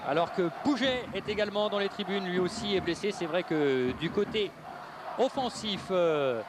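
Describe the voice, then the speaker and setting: A man's voice: high voice, normal speed. A man giving live play-by-play commentary on a football match. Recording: loud stadium crowd and noise.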